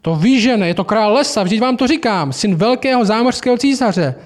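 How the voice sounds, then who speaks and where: A man's voice: high voice, animated, pitched above the performer's own voice. A man reading aloud as a proud, eager male beaver in a children's fantasy story.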